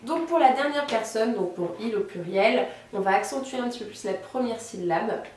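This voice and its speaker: Woman language teacher, patient, clear modelling of words; boomy room, mic at a distance. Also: lively intonation, a little mellow, very echoey, a little hiss or hum. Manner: patient explaining, slows down to model Italian words. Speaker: Italian teacher. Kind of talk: online language lesson.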